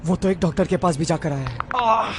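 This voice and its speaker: A man's voice: sits high, animated, normal speed, a little hiss or hum. A man dubbing a mean, mocking teenage schoolboy in a TV drama, speaking in a taunting way. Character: sneering mean teen schoolboy. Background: background music.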